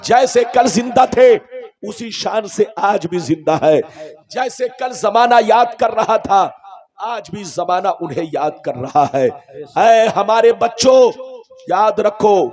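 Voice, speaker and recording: A male preacher giving a rousing, declamatory sermon with repeated refrains, calls to the crowd, sudden shouts and sung lines. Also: sits high, lively intonation. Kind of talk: Urdu religious sermon.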